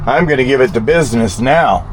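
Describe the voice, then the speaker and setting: Fairly quick and expressive, this mid-range male voice belongs to a vlogger fitting a vintage radio. He casually describes the hands-on work, drifting a bit as he thinks out loud, against clear background noise and vehicle ambience.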